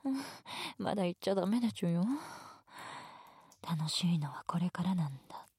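A woman playing a breathy, whispering teasing teacher. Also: lowish voice, expressive, normal speed, no echo, exaggerated voice. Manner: soft whispered teasing, bossy. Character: teasing, domineering adult female teacher. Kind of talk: erotic ASMR roleplay.

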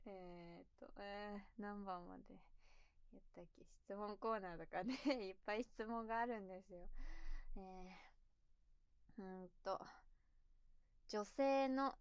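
A young woman in a relaxed, slightly tipsy chat, answering questions from home. Her talk wanders and often slips into soft, trailing mumbles between bursts of giggling. The sound is dry and close, with a mid-pitched voice she herself calls low. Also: a little slow, clear, resonant tone, dry recording. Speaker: streamer answering viewer questions. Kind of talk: casual chat. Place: at home, sitting on the floor.

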